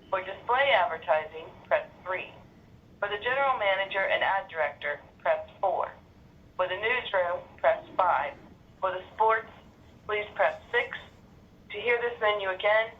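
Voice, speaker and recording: A woman giving a recorded automated menu over a landline phone, in a slow, even, formal way. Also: mid-range voice. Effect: recorded menu played over a landline phone. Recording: muffled phone line.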